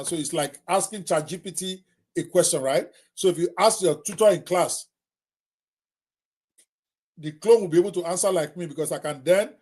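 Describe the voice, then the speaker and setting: Middle-aged Nigerian male host, emphatic, repeats points, talks straight to viewers, pitched on the high side. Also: a little mellow. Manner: emphatic, repetitive, direct address to viewers. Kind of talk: live talk on technology.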